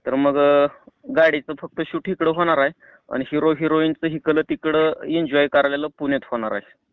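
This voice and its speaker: Speaking with a rural Maharashtrian Marathi accent, a man makes a prank phone call, chatting casually in a persuasive, reassuring way. His voice is fairly high, steady and clean at a moderate pace, and the dry recording sounds tinny over the phone line.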